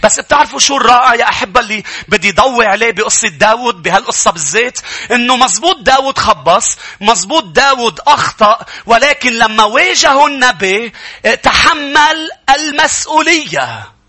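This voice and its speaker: High-voiced, fast-preaching Lebanese pastor. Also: male voice, expressive, bright, forceful tone. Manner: emphatic, repeats phrases, addresses the congregation directly. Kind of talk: sermon.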